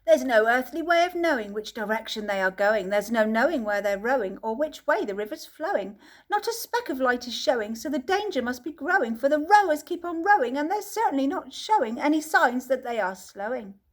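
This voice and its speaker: A woman voicing an eccentric, excitable old male chocolate maker in an audiobook reading, gleefully rhyming and shouting orders. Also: high voice, a little fast.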